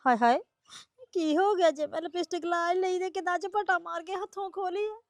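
A woman's voice: very high voice, fairly quick, no echo, studio quality. A woman playing a tearful, aggrieved young wife. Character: tearful young married woman complaining about her in-laws. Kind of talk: comedy skit acting.

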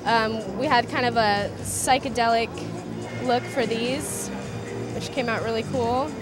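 Loud music fills the busy indoor trade show booth where a young Southern Californian designer gives a casual interview into a handheld mic. Her voice is a little high and measured in pace, her manner relaxed and filler-heavy with a slight trailing off.

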